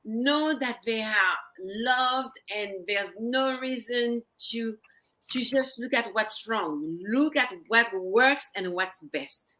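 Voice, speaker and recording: A woman guest on a talk show, speaking earnestly and gently in casual conversation and often repeating her phrases. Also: on the high side, slow. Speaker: guest psychologist. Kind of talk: casual interview chat.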